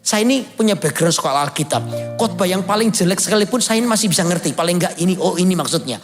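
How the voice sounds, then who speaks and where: A pastor, preaching with animated storytelling and loud, high bursts of emphasis. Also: male voice, quick pace, soft background music. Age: 50s. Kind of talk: sermon. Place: large church hall.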